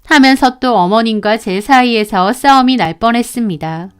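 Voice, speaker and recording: Clear-voiced indignant woman narrator. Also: on the high side, normal speed. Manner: indignant, aggrieved. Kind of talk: storytelling narration.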